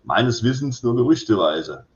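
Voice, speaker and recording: A man reading the lines of a cautious male police president, speaking in a measured, wry way. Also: mid-range voice, big pitch swings, lightly acted. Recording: roomy echo, slightly dull sound.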